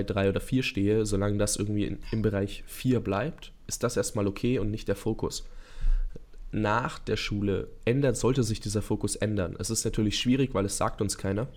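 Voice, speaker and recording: A young man around twenty speaks as a guest in a podcast interview, earnest and eager, running his thoughts together with plenty of fillers. His voice sits fairly low. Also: a little mellow. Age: young adult. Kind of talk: casual interview talk.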